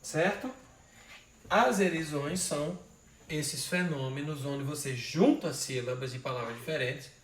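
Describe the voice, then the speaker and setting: A man's voice: fairly high pitch, fairly bright tone. A male literature teacher giving an informal poetry lesson, patiently splitting verses into syllables and counting them aloud. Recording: roomy sound, mic at a distance, faint noise.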